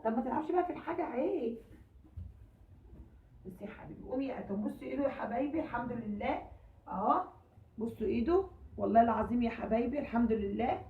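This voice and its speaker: Hoarse Egyptian woman, rapid pleading chatter. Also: on the high side, animated. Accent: Egyptian Arabic. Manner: emotional, pleading, rambling. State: hoarse from a cold. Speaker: cooking vlogger. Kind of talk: casual chat to viewers. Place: home. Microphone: phone. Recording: echoey, tinny phone recording from a distance.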